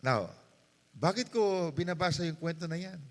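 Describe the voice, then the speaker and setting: A man with a Filipino accent, preaching a sermon as pastor with passion and mixing Tagalog and English, moving from hushed passages to shouting. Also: on the high side, animated, normal speed. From Philippines. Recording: long reverb of a church hall.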